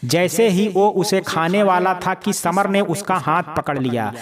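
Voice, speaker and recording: A man's voice: high voice, measured pace, a crowd in the background. A man narrating a family story in Hindi, naming each speaker before the line.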